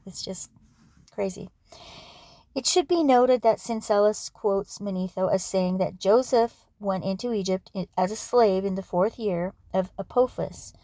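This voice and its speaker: A woman with a gravelly, mellow voice reads history aloud casually, stopping for asides and to clear her throat. Her voice is wearing thin, and the sound is close and dry. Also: medium pitch, no echo. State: losing her voice. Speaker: channel host reading history aloud. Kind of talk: casual read-aloud for sleep.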